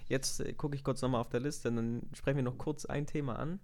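A young man co-hosting a casual chat, relaxed and slangy, steering through the topic list. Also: mid-range voice, a little fast. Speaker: podcast co-host.

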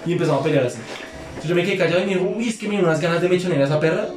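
A man's voice: a little high, very fast, roomy sound, over music. A young man telling a long story among friends, slangy and profane, acting out both sides of a quarrel. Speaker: podcast guest.

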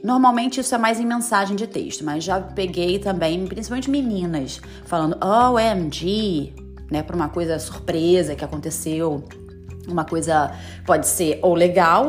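A woman hosting a podcast lesson, explaining slang in a chatty way with lots of tag questions and English examples. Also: fairly low pitch. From Brazil. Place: lives in the United States.

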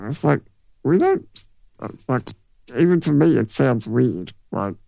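Young Australian guy, gravelly, dry close sound, loose halting podcast chat. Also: mid-range voice, expressive, mellow, no echo. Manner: easygoing, halting with many restarts. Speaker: podcast co-host. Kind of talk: casual chat.

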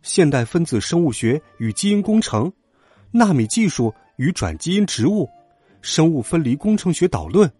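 A man reads a children's story aloud in a bouncy, animated voice that rises and falls with the action. His tone sits a little high and husky, and soft music plays underneath. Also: moderate pace, no room sound. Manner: lively, dramatic first-person telling. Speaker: narrator. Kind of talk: storybook reading.

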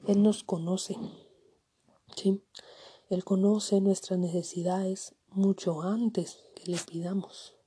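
Woman preacher, breathy whispery voice, dark mellow tone, slow delivery. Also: mid-range voice, fairly even intonation. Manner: soft-spoken, often whispery, frequent "amén". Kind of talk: sermon.

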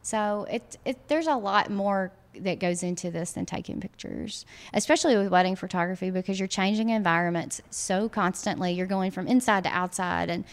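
A woman's voice: medium pitch, moderate pace, hardly any pauses. A woman near forty with a Southern American accent, a wedding photographer chatting casually in an interview, filling her talk with "um" and "you know". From Mississippi. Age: late 30s.

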